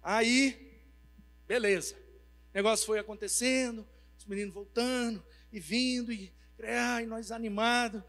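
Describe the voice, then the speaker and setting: A man preaching a sermon, telling humorous stories in a lively, colloquial way. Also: extremely high pitch, a little slow, faint music behind. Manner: lively, humorous, tells anecdotes; informal, colloquial speech. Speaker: pastor. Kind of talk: storytelling sermon. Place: church.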